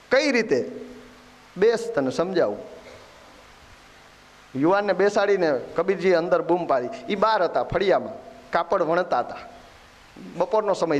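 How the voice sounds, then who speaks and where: A man telling scripture stories in a devotional sermon, voicing the characters in dialogue. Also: high voice. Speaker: Bhagavat katha preacher.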